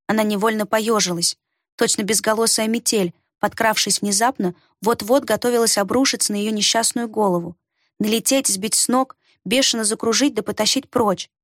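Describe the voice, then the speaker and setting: A woman reading a fantasy story aloud in an expressive storytelling manner. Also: medium pitch, normal speed, no echo, clean studio sound. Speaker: audiobook narrator. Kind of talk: scripted fantasy narration.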